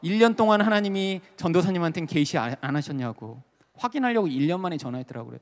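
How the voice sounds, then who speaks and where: A man preaching a sermon as a pastor, telling a personal story with animated, emotional delivery and lots of fillers. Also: fairly high pitch, fast. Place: large worship hall at a retreat. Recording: long reverb of a large hall.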